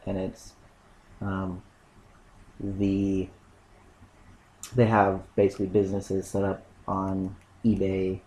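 A man in casual chat, rambling and halting with lots of ums. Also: deep voice, completely flat delivery, mellow, slight background noise, rough recording.

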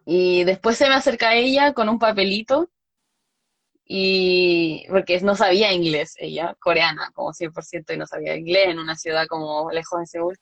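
A woman's voice: fairly low pitch, normal speed, no echo. A young Chilean woman chatting casually, telling a story with laughs and acted-out quotes. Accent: Chilean Spanish. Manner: animated, laughs often, acts out quoted lines.

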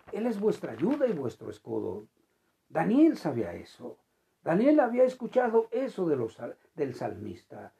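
Preacher, gravelly dark voice, swings loud and soft, repeats stuff a lot. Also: mid-range voice. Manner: animated, emphatic swings between loud and quiet; repeats and restarts phrases. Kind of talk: sermon.

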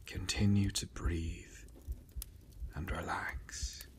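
A man giving gentle, reassuring ASMR relaxation in a soft spa-like whisper, in short phrases with pauses. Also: low-pitched, flat delivery. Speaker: ASMR guide.

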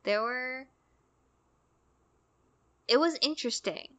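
Bright, chatty young woman podcaster. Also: high-pitched, takes it slowly. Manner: chatty storytelling, acts out quoted lines. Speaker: podcast co-host. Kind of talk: casual podcast chat.

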